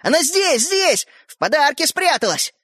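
A man voicing an excitable, bossy young boy in a storybook reading, insistent and breathless. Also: sits high, brisk, no echo, clean studio sound, full character voice. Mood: excited. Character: excitable boy, eager schemer.

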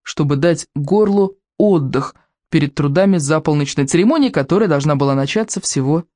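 A woman reading a storybook aloud as narrator, with an expressive, animated delivery. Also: low voice, fairly quick, dry recording, clean studio sound.

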